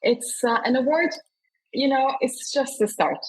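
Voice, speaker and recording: A woman's voice: high-pitched, a little slow, breathy edge, poor audio. A woman from Scandinavia, an investor and award founder, talking enthusiastically in an interview. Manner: enthusiastic, emphatic.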